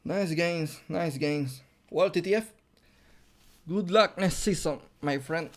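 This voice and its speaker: A young man casting a game on his own, hoarse and losing his voice, who bursts into high excited yelps at big plays. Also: slow pace. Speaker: esports caster. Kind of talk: solo game commentary.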